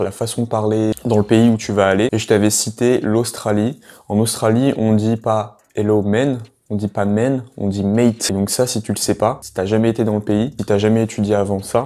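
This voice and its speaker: A man with a fairly low, mellow voice teaches English in a casual video lesson. He chats directly to the viewer, hesitating a lot.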